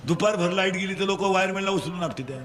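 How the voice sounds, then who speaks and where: A man with a Marathi accent preaching a comic kirtan sermon, teasing the audience and making them shout answers back. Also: sits high. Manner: rapid call-and-response, drilling the crowd to answer; teasing, scolding schoolboys.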